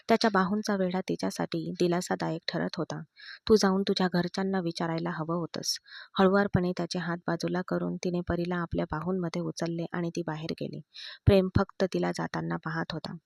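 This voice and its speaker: A woman narrating a written story in a steady, even reading voice. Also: fairly low pitch, brisk, vocal fry, no echo, studio quality.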